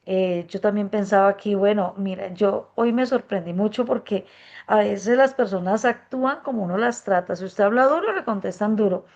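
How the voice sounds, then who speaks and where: A woman speaks up at a workshop, reflecting earnestly in a deliberately soft, gentle voice. She hesitates often, filling gaps as she thinks aloud. The recording is dull and muffled. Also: mid-range voice. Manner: speaks softly and gently on purpose. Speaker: workshop participant. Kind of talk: spontaneous testimony.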